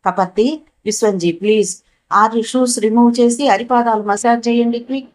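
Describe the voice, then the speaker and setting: A woman's voice: fairly high pitch, steady tone, moderate pace, darkish tone, close to an everyday voice. A woman voicing a male professor who leads an expedition, in an urgent, commanding manner, as an audiobook character voice.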